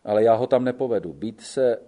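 A man's voice: mid-range voice, mellow, lightly acted. A man reading the part of a stubborn lone schoolteacher in an audiobook, answering curtly and dryly. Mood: refusing. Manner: curt, dry. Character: stubborn solitary male schoolteacher, curt.

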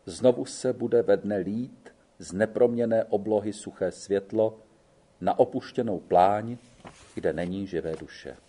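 Man, audiobook narrator, measured reading, mellow, dark timbre. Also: fairly low pitch, slightly rough.

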